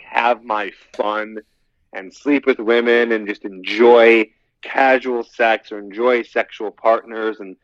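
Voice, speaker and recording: A man in his thirties, a dating coach appearing as a podcast guest, rambles casually and at length, often repeating his phrases. His voice sits at a medium pitch with a slightly bright edge. The audio is dull, a little lo-fi, and dry, with no room sound.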